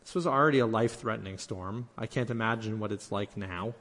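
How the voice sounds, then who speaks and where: A man's voice: on the low side, brisk, fairly bright tone, in a large hall. A man preaching a sermon in an earnest way, acting out the lines he quotes and often restarting his words. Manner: earnest, acts out quoted speech, many restarts.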